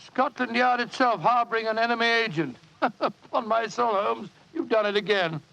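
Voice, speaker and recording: An actor playing an earnest, blustery English gentleman doctor and loyal sidekick in an old radio drama. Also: very high-pitched, moderate pace, gravelly, slight background noise, heavily acted. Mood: astonished. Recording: dull vintage radio recording.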